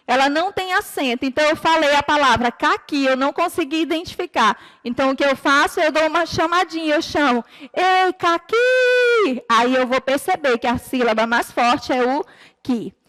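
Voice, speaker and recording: A Brazilian woman teacher giving a recorded lesson to children, explaining patiently and clearly and drawing out her example words. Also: high voice, fairly bright tone, long reverb tail. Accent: Brazilian Portuguese. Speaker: primary school teacher.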